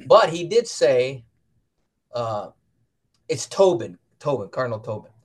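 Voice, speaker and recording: An American man co-hosting a casual talk show, animated and playful, acting out quotes. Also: mid-range voice, unhurried, slightly rough. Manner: animated, playful, acts out quotes in silly voices. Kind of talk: casual chat.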